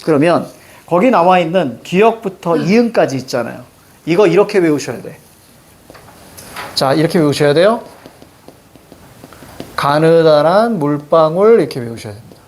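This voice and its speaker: A middle-aged man with a Seoul accent teaching a Korean language lesson, animated and joking with students, repeating cue words. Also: a little high, normal speed, long pauses. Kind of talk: lively classroom lecture.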